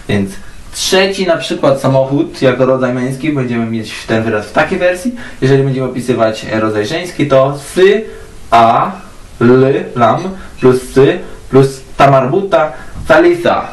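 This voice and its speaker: A man teaching a language lesson, spelling words out letter by letter and repeating each word slowly several times. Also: medium pitch. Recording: echoey room, mic at a distance.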